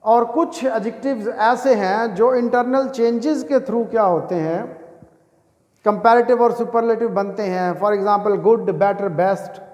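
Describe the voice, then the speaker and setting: A man teaching English grammar, dictating example sentences slowly and deliberately, then asking questions and answering them himself. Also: high-pitched, darkish tone. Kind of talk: grammar lesson. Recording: echoey room with long reverb.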